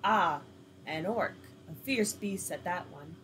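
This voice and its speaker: A woman reading the lines of a sly older male soldier who talks in a smooth, wheedling way. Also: fairly low pitch, slow, a bit bright, a little hiss or hum, low-quality recording.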